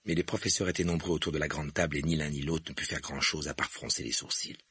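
A man's voice: very deep voice, fairly even intonation, quick pace, a bit bright, breathy edge. A man narrating a story expressively, doing the characters' voices. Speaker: audiobook reader.

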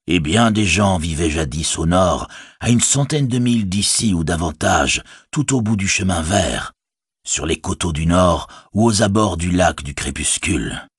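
A man voicing a wise old wizard in a measured, grave, reassuring way, with a husky voice. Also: deep voice, expressive, no room sound, studio quality, exaggerated voice. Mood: calm.

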